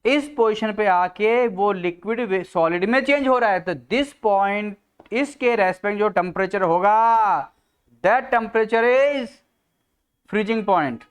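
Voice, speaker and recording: Indian male classroom teacher, high clear voice, slow deliberate board lecture. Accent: Indian English. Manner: mixes Hindi and English, addresses students as beta; slow, deliberate board explanation with frequent pauses. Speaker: chemistry teacher.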